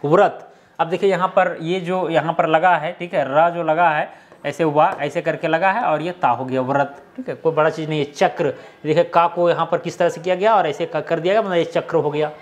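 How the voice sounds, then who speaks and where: Man, casual teacher, step-by-step explaining, slightly high voice. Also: steady tone, moderate pace. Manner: explains step by step, often checks in with the viewer.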